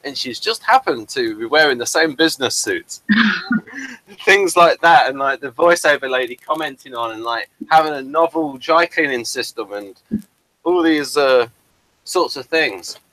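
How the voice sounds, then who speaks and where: A playwright chats casually on a video call about his stage play, rambling with lots of fillers and restarts. His mid-range voice is a bit bright, with lively intonation and a moderate pace. The audio is poor but has no room sound.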